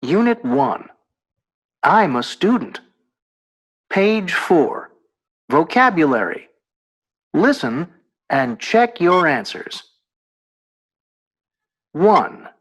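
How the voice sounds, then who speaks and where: Very slow, clear course-audio narrator. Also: mid-range voice, very animated, a bit bright. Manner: clear, deliberate announcing. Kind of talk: scripted instructional narration.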